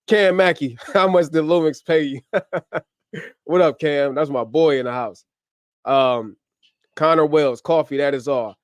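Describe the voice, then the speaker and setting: A man hosting a casual livestream from home, upbeat and slangy as he gives shout-outs to viewers, a little short on sleep. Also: mid-range voice, no echo, studio quality. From US, grew up in Ohio. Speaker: livestream host. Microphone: camera mic on a livestream setup.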